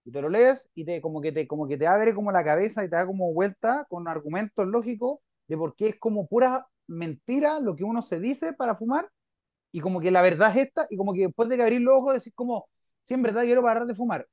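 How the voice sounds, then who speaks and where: A man's voice: sits high, fast talker, no echo. Young Chilean man, podcast host on a dry, dull call line, chatty and rambling. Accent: Chilean Spanish. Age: young adult. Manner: rambling, filler-heavy, animated. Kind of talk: casual conversation on a video call. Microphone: video call.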